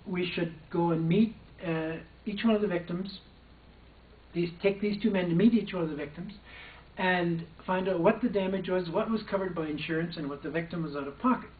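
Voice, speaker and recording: An older ex-probation officer recounts a personal experience in a hesitant manner, often starting sentences over. He speaks at normal speed in a high-pitched voice, and the recording comes across as distant, echoey, and phone-like.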